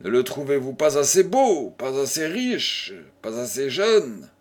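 A man's voice: medium pitch, very animated, measured pace, a little mellow. A man voicing an elderly aristocratic dowager who teases and fusses over a young widow, in a storybook reading. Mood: pleading. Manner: mock-scolding, playful, exclamatory.

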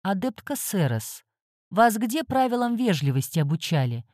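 A woman's voice: medium pitch, very animated, moderate pace, a little mellow, no room sound, clean studio sound. A woman voicing a stern, mocking male master of a magic academy in an audiobook. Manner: mocking, coolly ironic.

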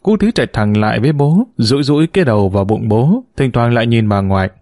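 A man reads a novel aloud in a steady, measured way. His voice is warm and mellow, at a middle pitch. The recording is dry and close, with no room sound. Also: no room sound. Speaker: narrator. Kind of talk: audiobook narration of a novel.

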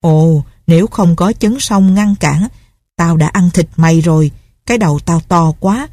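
A woman's voice: lowish voice, unhurried, mellow, dry recording. Woman voicing a raving vengeful old recluse. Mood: menacing. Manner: ranting, menacing, bitter. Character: grief-crazed vengeful old female recluse. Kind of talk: audiobook character reading.

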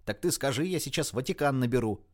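A sharp-tongued young woman snaps back in a lifted voice, as a male narrator plays her. The pitch rises above the reader's own and swings in lively, sarcastic arcs. Audiobook character work. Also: fast, natural voice. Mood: furious. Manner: raised, sarcastic, snappy delivery.

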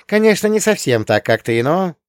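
A man's voice: fairly high pitch, very animated, moderate pace, dry recording, studio quality, pitched above the performer's own voice. A man doing a bubbly teenage schoolgirl. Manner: bright, bubbly, teasing. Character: cheerful teenage schoolgirl, playful and teasing.

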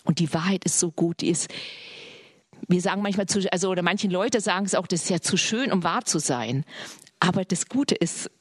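A woman preaching a sermon in an earnest way, often dropping into soft whispered passages. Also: on the low side, a little fast, husky, no room sound, studio quality.

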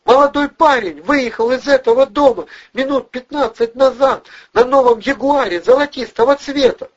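Audiobook: screeching blonde woman, hysterical falsetto, bossy and frantic. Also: normal speed, husky, muffled recording. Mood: commanding frantic. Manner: screeching high falsetto, yelling insults.

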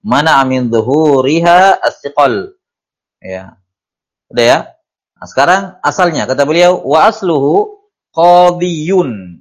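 A man teaching Arabic grammar from a classical text. He reads the Arabic passages slowly, then explains them quickly in Indonesian, asking questions and answering them himself. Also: fairly high pitch, animated. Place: study class.

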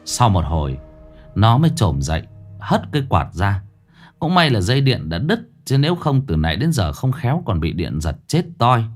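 Guy telling a ghost story, lively up-and-down voice, faint music behind. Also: lowish voice. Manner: dramatic, expressive reading.

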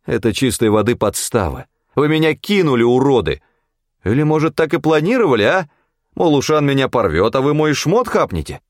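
A tough, cynical hunter voiced by the male narrator who snaps and threatens with a gruff edge. The voice is pushed higher and harder than the reader's narration. A first-person audiobook hero, blunt and menacing. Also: very animated, moderate pace, no room sound, studio quality. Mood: harsh, angry.

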